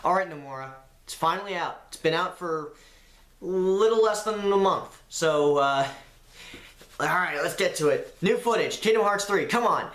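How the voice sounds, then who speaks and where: A man reviewing a video game in a casual, excitable and sarcastic way, swearing freely, his voice doubled into a robotic, phasey sound. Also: high voice, normal speed, a little hiss or hum. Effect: doubled, phasey robotic-sounding audio from an editing mistake. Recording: echoey, distant, doubled audio with faint music.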